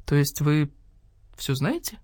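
A shrewd badger-cat sleuth speaking low and dry, played by a woman narrator. The reading is close and dry. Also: very animated, takes it slowly, warm tone, no room sound, exaggerated voice.

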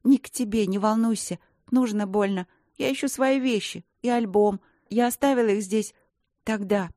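A woman's voice: moderate pace, darkish tone, dry recording, clean studio sound, lightly acted. A woman voicing a chatty, impulsive young girl artist who pleads and chatters in a raised voice. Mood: chirpy. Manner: pleading, high-pitched chatter.

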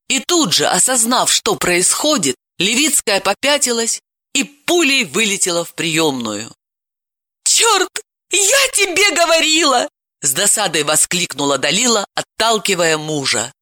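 A woman narrating a novel as an audiobook reader in an expressive, lively way. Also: lowish voice, no room sound, studio quality. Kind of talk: scripted narration.

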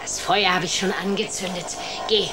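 A woman's voice: fairly low pitch, fairly even intonation, normal speed, natural voice. An actress playing a cruel, greedy, half-blind old witch in a radio play, cackling and taunting, sometimes dropping to sly whispers.

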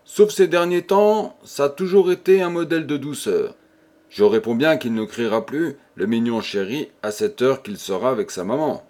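A chatty peasant wet nurse, put on by a male reader, doting and talkative. Her voice lifts higher in spots as she gushes over the child. It is storybook audiobook narration with plain middle pitch underneath. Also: lively intonation, normal speed, darkish tone, lightly acted.

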